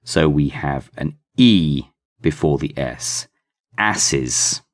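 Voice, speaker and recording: A man's voice: extremely low pitch, expressive, extremely slow. A man teaching an English phonics lesson, spelling out letters and sounding out blends with careful emphasis on each keyword. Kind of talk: slow, deliberate phonics lesson.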